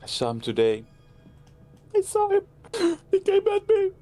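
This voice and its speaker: A man's voice: mid-range voice, sing-song, a little slow, soft background music, pitched above the performer's own voice. A man voicing a frightened man who stammers and trembles as he admits what he saw. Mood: terrified.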